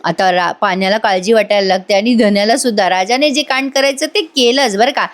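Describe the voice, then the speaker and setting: Woman review host, brisk recap, voices the characters herself. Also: mid-range voice. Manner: retells scenes, acting out the characters' lines. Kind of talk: casual spoken episode recap.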